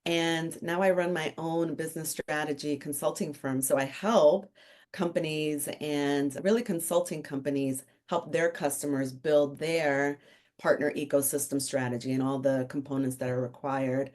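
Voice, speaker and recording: Low-voiced woman telling her career story. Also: steady tone, normal speed, darkish tone. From Dominican Republic. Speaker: podcast guest, author and consultant. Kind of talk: casual interview chat.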